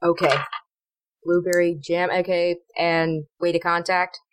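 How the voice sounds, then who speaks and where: Woman tabletop player, somewhat low voice, dry close sound, chatty, hesitant. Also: flat delivery, unhurried, clear, resonant tone, no room sound. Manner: chatty, hesitant, many fillers. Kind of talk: casual tabletop play.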